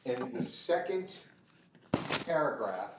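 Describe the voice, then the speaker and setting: A man chairing a school board policy meeting, speaking slowly with many pauses and ums. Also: medium pitch, very animated. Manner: slow, hesitant, many ums. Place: school office meeting room. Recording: roomy, distant, noisy meeting room mic.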